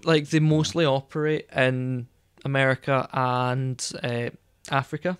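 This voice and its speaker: A man with a smooth, clear voice chats loosely on a podcast, wandering through his points with plenty of ums and likes. The sound is dry and close, with no room around it. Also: mid-range voice, little pitch movement, measured pace, no echo. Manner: rambling, hesitant, many fillers. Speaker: podcast co-host. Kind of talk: casual chat.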